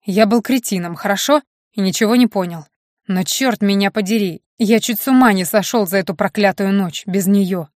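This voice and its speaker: A gruff male hunter from an audiobook, blunt and desperate, pleading for what he lost, as a woman reads him. The sound is dry and close, with no room around the voice. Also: mid-range voice, normal speed, darkish tone, no echo, natural voice.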